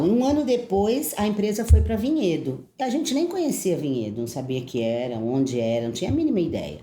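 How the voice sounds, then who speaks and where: Mellow-voiced chatty woman in her fifties. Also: low voice. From São Paulo, Brazil. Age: 50s. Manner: chatty, storytelling. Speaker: podcast guest. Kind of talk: casual conversational interview. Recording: roomy with faint noise.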